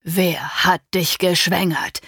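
A woman voicing a domineering middle-aged father who shouts and threatens in harsh bursts, in an audiobook reading. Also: lowish voice, a little slow, breathy edge, dry recording, clean studio sound. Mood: enraged.

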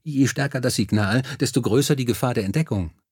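A man's voice: mid-range voice, husky, no echo, studio quality, close to an everyday voice. A man doing an eager young Norwegian man. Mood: excited. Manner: excited, quick.

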